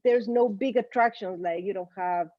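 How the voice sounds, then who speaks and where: A woman's voice: mid-range voice, moderate pace, no room sound, muffled recording. A middle-aged woman from Ecuador, a native Spanish speaker, telling her career story as an interview guest in an easygoing way with some non-native grammar. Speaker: guest, marketing business owner.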